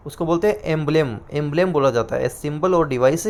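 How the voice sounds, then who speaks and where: In a slightly high voice, this Rajasthani-accented man runs an exam-prep lesson. Answers come out slowly and more than once, like terms being dictated to the class.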